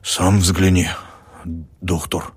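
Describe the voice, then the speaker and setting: A man voicing a rough coachman who jeers and shouts in a loud, mocking way. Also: deep voice, level tone, very slow, dry recording, heavily acted.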